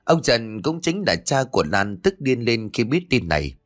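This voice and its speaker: Male audiobook reader, expressive storyteller with varied pitch, soft music bed. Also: normal speed. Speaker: audiobook narrator. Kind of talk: scripted story narration.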